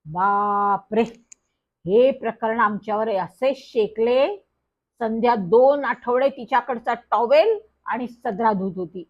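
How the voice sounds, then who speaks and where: A woman narrating a children's story in a lively first-person manner. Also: a little high, measured pace. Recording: dull lo-fi recording.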